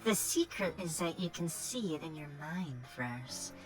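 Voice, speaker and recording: A woman voicing a knowing, encouraging witch mentor in a game, speaking in a measured, theatrical way. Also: low-pitched, expressive, over music.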